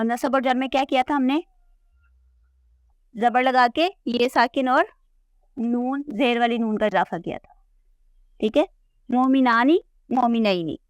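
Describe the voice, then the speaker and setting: A woman whose voice is a little high explains a chart during an Arabic grammar class, going over word forms patiently and pausing to make sure her students follow. There's no echo on the recording.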